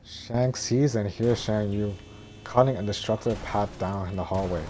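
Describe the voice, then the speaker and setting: Low, mellow man droning through a script. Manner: monotone, droning delivery; halting, stumbling over words. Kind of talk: scripted narration, reading a film script.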